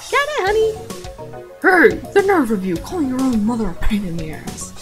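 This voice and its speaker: An excitable, doting anime mom played by a woman pitched very high. The acting is amateurish and hammy, as in a homemade game dub, with music clearly behind it. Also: normal speed. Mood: bubbly, indignant. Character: excitable, doting grown daughter and mother, bubbly.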